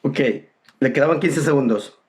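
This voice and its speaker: A man's voice: a little high, moderate pace. A man arguing as a preacher in a heated online debate, firing off rhetorical questions and repeating his opponent's name.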